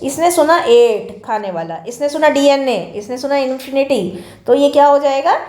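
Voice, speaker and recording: A woman with an Indian accent giving a classroom lecture, explaining in Hindi mixed with slow, deliberate English phrases. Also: sits high, animated, darkish tone. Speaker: teacher. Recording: echoey room.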